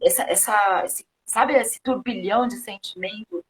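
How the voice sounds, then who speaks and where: In a poor-quality recording, a Brazilian woman with a mid-range, unhurried voice conducts an interview. Her questions are chatty and informal, and she often stops to rephrase or fix what she just said.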